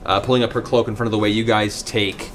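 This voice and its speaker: With music under his voice, a game master running a tabletop fantasy session tells the story dramatically and descriptively. He talks fast in a lowish voice that has little pitch movement.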